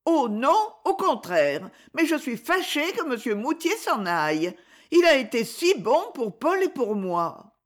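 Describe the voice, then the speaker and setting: A woman voicing a gentle, anxious young boy who pleads earnestly. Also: high-pitched, sing-song, a little slow, pitched above the performer's own voice. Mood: tearful.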